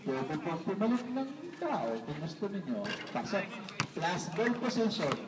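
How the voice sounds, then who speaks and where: A man's voice: high-pitched, big pitch swings, measured pace. A man from the Visayas announcing an amateur basketball game, polite and joking with players and coaches. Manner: polite, joking, says sir and po. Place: indoor basketball court. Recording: echoey gym PA from far off. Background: loud crowd and game noise.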